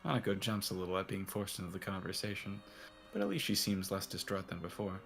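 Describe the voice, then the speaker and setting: A man's voice: deep voice, lively intonation, fast talker, gravelly, fairly bright tone, faint music behind. A man reading a visual novel aloud as its narrator and lead, using a put-on cowboy drawl.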